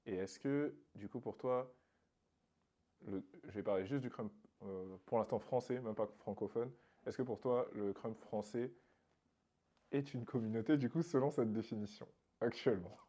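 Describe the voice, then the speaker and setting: A man hosting a casual interview, relaxed and agreeable, often chiming in with agreement. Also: mid-range voice, moderate pace. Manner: relaxed, frequent backchannel agreement. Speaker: interviewer, host.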